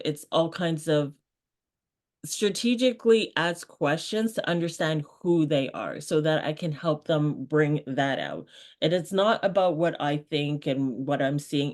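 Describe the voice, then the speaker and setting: Animated woman chatting as interview guest. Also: sits low. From Canada. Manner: animated, laughs often, acts out quoted voices. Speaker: guest, brand strategist. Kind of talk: casual interview chat.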